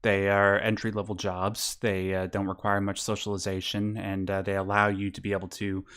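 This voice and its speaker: Over a video call, a man hosts a casual call-in stream, giving rambling, encouraging advice packed with fillers and asides. His voice is on the low side, a bit bright and smooth, with a completely flat delivery at a moderate pace.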